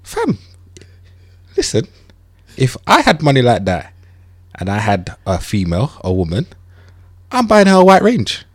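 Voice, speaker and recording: This podcast co-host, a man in his thirties, has a London accent full of urban roadman slang and chats in playful banter. His medium-pitched voice swoops wildly in pitch, unhurried and breathy-edged, pausing often. The sound is clean studio audio with no room sound.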